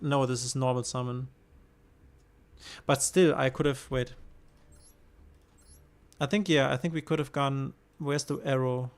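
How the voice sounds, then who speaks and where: A German man with a German accent and a mid-range voice streams a card game, casually commenting on it and thinking aloud with some hesitation.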